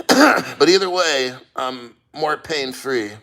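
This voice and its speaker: Guy livestreaming casually, kinda strained from the cold, slow and halting, sharp bright voice, swears a bit. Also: fairly high pitch, expressive, poor audio. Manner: blunt, swearing; halting, sighing, throat-clearing while enduring icy water. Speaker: livestreamer reading viewer comments.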